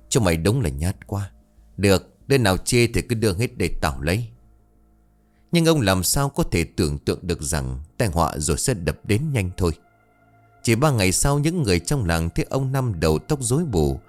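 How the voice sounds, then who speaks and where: A man narrating a ghost story in a dramatic, expressive way. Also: deep voice.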